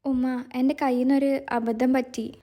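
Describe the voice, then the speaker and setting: Anxious, apologetic young man, read by a woman narrator; high, mellow tone. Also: little pitch movement, moderate pace. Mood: earnest. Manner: apologetic, earnest pleading. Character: young man, anxious but kind driver.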